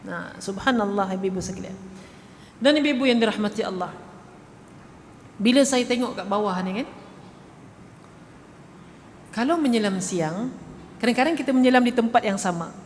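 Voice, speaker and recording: Lively woman preacher. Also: a little high, normal speed, long pauses. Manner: lively, asks the audience rhetorical questions. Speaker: religious teacher. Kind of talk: religious talk to a women's congregation. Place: mosque hall. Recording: reverberant hall, faint hum.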